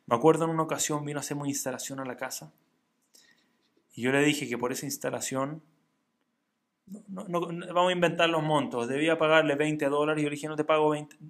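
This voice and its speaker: Animated male preacher telling a moral tale, emphatic, fairly high. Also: brisk. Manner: animated, emphatic, swinging volume. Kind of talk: religious storytelling.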